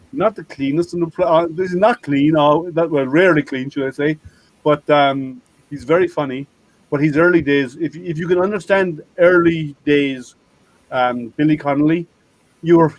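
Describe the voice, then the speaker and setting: This is an Irish man hosting a casual maker hangout over a video call. His voice sits a little high for a man. He rambles and restarts his sentences, and the sound is dry and close, with no room in it. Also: dry recording, low-quality recording. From Ireland. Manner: chatty, rambling, self-interrupting. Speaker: host.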